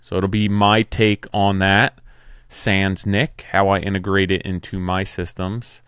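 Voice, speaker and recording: A man's voice: deep voice, little pitch movement, a little slow, fairly bright tone, clean tone, no echo, studio quality. A man in his forties hosting a solo podcast about his building trade, talking in a plainspoken, conversational way. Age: 40s. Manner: plainspoken, conversational, some restarts. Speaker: podcast host, home builder. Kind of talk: casual solo podcast talk.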